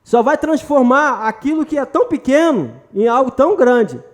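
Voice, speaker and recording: High-voiced preacher. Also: male voice, big pitch swings, normal speed. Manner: emphatic and conversational, joking and addressing the congregation directly. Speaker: pastor. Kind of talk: sermon. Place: church retreat hall.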